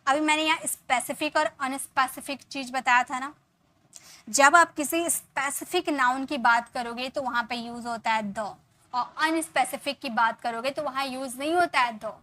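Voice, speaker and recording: A woman with a high, bright voice teaches English grammar in a patient, explaining manner. She repeats each example and stretches out practice sentences slowly, word by word, then turns to her viewers with questions. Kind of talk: Hindi-English spoken grammar lesson.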